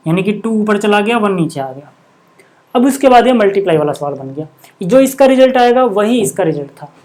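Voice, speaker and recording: A man's voice: high voice, darkish tone. A man teaching a maths lesson in a casual classroom manner, often checking whether his students are following. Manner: casual, repeatedly checks understanding with short asides. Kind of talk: classroom lesson explaining on a board.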